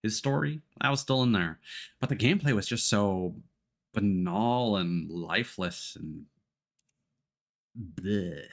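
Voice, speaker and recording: Indoors at his computer, a let's play streamer chats casually with viewers while setting up a game stream, thinking aloud in gamer slang with some swearing into a close desk mic. His voice is fairly low and slow, with frequent pauses.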